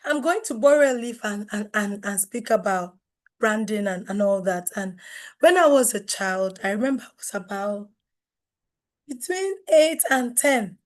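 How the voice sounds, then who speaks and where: A middle-aged Nigerian woman, hoarse after losing her voice, presents a live online branding workshop at normal speed in an expressive, mid-range voice. She speaks emphatically, relies on rhetorical questions, and shifts sharply between loud and soft.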